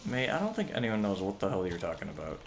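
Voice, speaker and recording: Low, gravelly, animated male streamer. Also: fast, slight background noise. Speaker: game livestream host. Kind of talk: casual gameplay chat.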